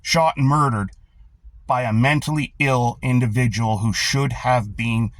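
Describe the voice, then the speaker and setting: A man's voice: medium pitch, steady tone, a little slow, no room sound. A man hosting political commentary, ranting in a blunt, sarcastic and profane way. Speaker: commentary host. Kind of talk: angry political rant.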